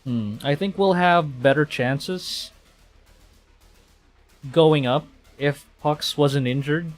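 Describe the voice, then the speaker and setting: Streaming a game live as a VTuber, a Filipino man with a voice on the high side reads visual novel text aloud while commenting. He thinks aloud haltingly and stumbles over the lines he reads. Background game music accompanies him.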